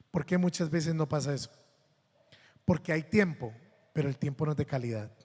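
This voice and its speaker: Telling humorous stories during a sermon, a Colombian priest imitates the voices of the people he describes. He speaks in a highish, slightly mellow voice, and a long reverb tail follows it.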